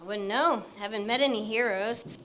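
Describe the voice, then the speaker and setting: An actress on stage playing a young woman dancer who talks straight out with dry, deadpan quips. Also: mid-range voice, moderate pace, slight background noise, natural voice. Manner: deadpan, plain-spoken quips. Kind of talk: stage play acting.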